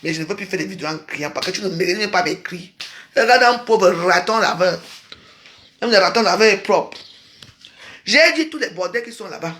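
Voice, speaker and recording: A woman in her fifties from Cameroon, ranting straight at the camera and scolding someone. She swings between loud outbursts and low muttering, and her voice rings in an echoey room. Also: animated, brisk. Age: 50s. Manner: scolding, accusatory, shifts from shouting to quiet. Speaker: social media vlogger. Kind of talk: angry personal rant to camera.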